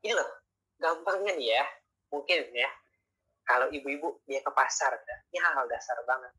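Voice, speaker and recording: A man's voice: mid-range voice, normal speed, pushed and bright, husky. A man giving a casual online sales lecture over a video call, chatty and constantly adding tag questions. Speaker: sales trainer. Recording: tinny video-call audio.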